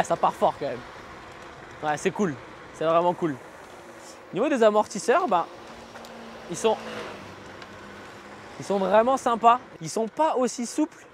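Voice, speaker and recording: High-voiced man chatting casually while riding. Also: slight background noise. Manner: informal, slangy, thinking aloud. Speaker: vlogger reviewing an electric scooter. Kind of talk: casual spoken vlog commentary while riding. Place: outdoors, riding on city roads.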